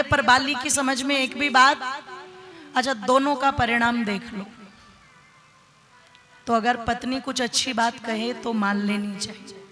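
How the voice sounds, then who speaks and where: A woman preacher telling a religious story in a sermon, speaking lively and directly to the audience. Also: high voice.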